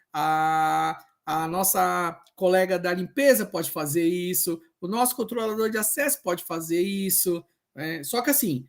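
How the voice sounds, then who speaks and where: Animated Brazilian man telling work stories. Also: sits high. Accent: Brazilian Portuguese. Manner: animated storytelling, acts out quoted voices. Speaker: social worker at a health unit, panel speaker. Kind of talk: lively spoken anecdotes at an open class.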